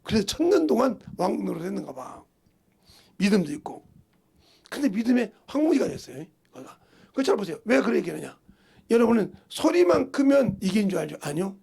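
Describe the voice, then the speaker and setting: A man's voice: high voice, very animated, brisk, vocal fry, darkish tone, breathy edge. A man pastor preaching a sermon in a folksy storytelling way, asking the congregation questions as he goes. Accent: Korean.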